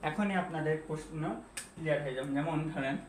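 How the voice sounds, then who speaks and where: A man's voice: on the high side, a little fast. A man teaching an English grammar lesson at a whiteboard, asking the class questions and repeating the key points. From Bangladesh. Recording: echoey room, faint background hiss.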